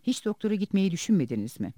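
A man reading the part of a gentle interviewer in an audiobook, asking careful, probing questions. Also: sits high, sing-song, fast talker, no echo, pitched above the performer's own voice.

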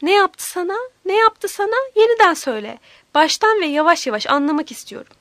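A woman's voice: high voice, expressive, quick pace, fairly bright tone, no room sound. A woman voicing a tough, foul-mouthed village aunt who bellows and curses while protecting a girl. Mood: outraged. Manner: cursing, bellowing.

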